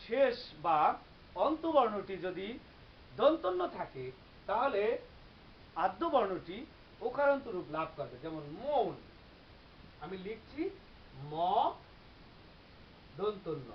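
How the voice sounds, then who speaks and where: Lively teacher explaining pronunciation. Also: mid-range voice. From Bangladesh. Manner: explains step by step, repeating example words slowly. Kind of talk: classroom-style grammar lecture. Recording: slightly dull recording with faint hiss.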